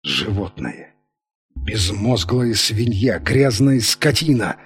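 A cruel, hot-tempered boss spitting threats in a low, husky voice, as a male narrator acts him out. His speech is curt and menacing, like a villain in a read-aloud adventure story. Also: big pitch swings, slow pace, soft background music, full character voice.

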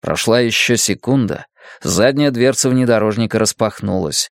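A man's voice: fairly low pitch, animated, moderate pace, gravelly, no echo. Man narrating an audiobook, dry sound.

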